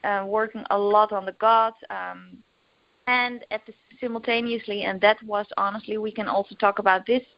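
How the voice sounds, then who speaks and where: A young Dutch-accented woman from the Netherlands speaks in a mid-range voice with fairly even intonation and a moderate pace, in a dry recording of dull lo-fi quality. She is a recovery coach interviewed on a podcast, talking openly with many fillers and restarts.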